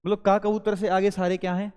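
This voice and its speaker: A man's voice: high-pitched, little pitch movement, brisk, a little mellow, clear, resonant tone, in a large hall. A male teacher giving a grammar lesson that mixes Hindi and English, explaining step by step and quizzing his students as he goes.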